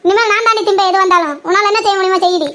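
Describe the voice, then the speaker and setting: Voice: very high-pitched, rapid-fire, bright, forceful tone. A young performer voicing a spiteful, greedy old mother-in-law who taunts her daughter-in-law in a family comedy skit. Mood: taunting. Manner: bossy, taunting, fake wailing.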